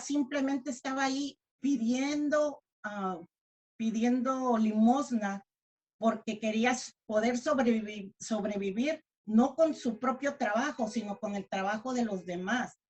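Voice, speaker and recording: A woman with a Mexican accent preaching a sermon, earnest, often repeating and correcting herself, and crying out when she quotes a plea. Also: a little high. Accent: Mexican Spanish.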